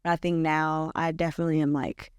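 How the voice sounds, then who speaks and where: A woman DJ as a podcast guest, relaxed and a little hesitant, filling with "like". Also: low-pitched, quick pace, clean tone, dry recording, studio quality. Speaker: DJ, interview guest. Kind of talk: casual interview chat.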